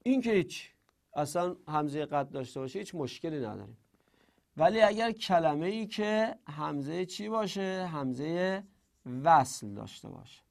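Gravelly, animated man teaching grammar. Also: a little high. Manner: animated, emphatic, drills word forms aloud. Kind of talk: classroom lesson.

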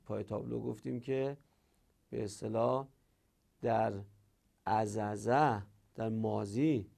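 A man's voice: on the low side, fairly even intonation, creaky, warm tone. A male teacher explaining Arabic grammar rules step by step, posing questions and then answering them himself.

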